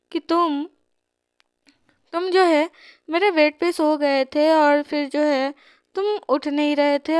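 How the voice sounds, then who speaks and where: A woman's voice: sits high, a little mellow, dry recording, studio quality. A woman with a Hindi accent retelling a romance comic in a chatty, casual way, full of fillers and restarts. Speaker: comic explainer. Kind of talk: casual storytelling narration.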